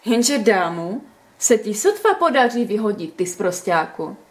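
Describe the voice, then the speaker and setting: Woman putting on a young heroine, storybook, shrill, indignant, animated. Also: natural voice. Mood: indignant, playful. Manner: high, excitable, indignant. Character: lively, touchy young woman playing a game. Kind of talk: storybook reading.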